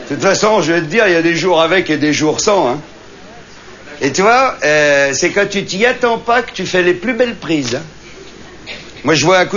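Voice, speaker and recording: A man performing a comic monologue as a boastful, chatty storyteller on stage. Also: sits high. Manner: boastful hunting-and-fishing bragger, chatty, colloquial. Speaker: stand-up comedian. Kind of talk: comic monologue to a live audience. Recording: dull live recording with loud audience. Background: audience laughter.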